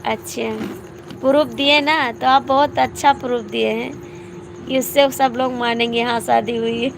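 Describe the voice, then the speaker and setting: A woman's voice: on the high side, fairly even intonation, moderate pace, vocal fry, a little hiss or hum. A woman with a cough and cold, chatting casually and teasing viewers on a live stream, laughing often, with an Awadhi accent.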